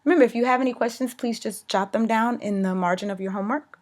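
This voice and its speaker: A woman's voice: fairly high pitch, fast talker, a little mellow. Upbeat woman teaching a lesson. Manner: upbeat, clear explanations with frequent okay checks. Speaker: Spanish teacher. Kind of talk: recorded classroom lesson.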